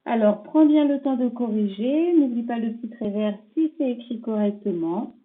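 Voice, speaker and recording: A woman teaching young children remotely, slowly sounding out letters and syllables in a gentle, reassuring way. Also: on the high side. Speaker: primary school teacher. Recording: tinny phone-like home recording.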